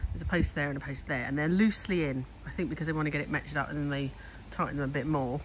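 A woman's voice: low voice, steady tone, racing, a little hiss or hum, poor audio. A woman giving a casual walk-and-talk vlog about her home renovation, chatty and thinking aloud, recorded outdoors in a garden on a handheld phone. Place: outdoors in a garden building site. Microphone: handheld phone camera.

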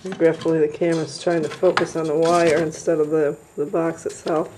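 Brief: a woman rehabber with a low, warm voice, giving a gentle, chatty tour through a handheld camera. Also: little pitch movement, a little fast, slight background noise, poor audio. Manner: gentle, chatty, coos at animals. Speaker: squirrel rehabilitator. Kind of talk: casual video tour. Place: indoor rehab room with cages.

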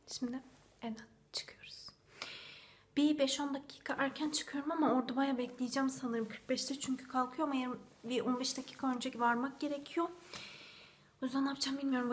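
A woman in her twenties from Turkey with a slightly husky, breathy voice, chatting casually to camera as a vlogger at home. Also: sits high. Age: 20s. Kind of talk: casual vlog chat to camera. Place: small furnished rooms at home.

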